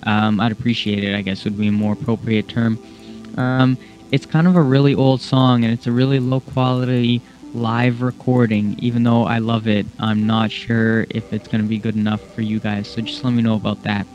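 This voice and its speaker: A man's voice: lowish voice, level tone, normal speed, darkish tone. A young man hosting a gaming channel, explaining the rules of his run in a rambling, self-correcting way, with the hiccups. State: has the hiccups. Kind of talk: casual gameplay commentary. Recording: dull lo-fi audio with faint music.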